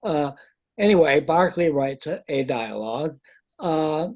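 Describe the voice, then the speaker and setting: A man leading a seminar discussion, wry and halting, with many restarts. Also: on the high side, expressive, a little mellow. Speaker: discussion leader.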